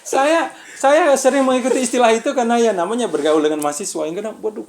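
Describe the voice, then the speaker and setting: A man giving a relaxed religious study talk to students, speaking with an Indonesian accent and checking in with his listeners often. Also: extremely high pitch, fast, a little hiss or hum. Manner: conversational, keeps asking "ya kan?". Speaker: visiting preacher.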